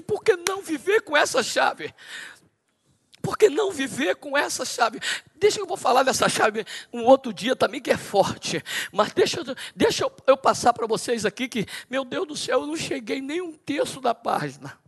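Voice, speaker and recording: Male pastor, high voice, Brazilian, preaching a sermon that builds to shouted declarations. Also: very animated, normal speed, gravelly, husky. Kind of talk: Bible study sermon. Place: church hall.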